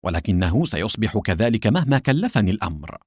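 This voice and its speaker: A man reading a cunning male agent in an audiobook, putting on fake fury with a lower voice that swings up and down a lot, theatrical and sharp-edged, dry close sound. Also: very animated, fairly quick, dry recording. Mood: feigned anger. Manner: mock-angry, theatrical. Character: cunning male secret agent feigning anger.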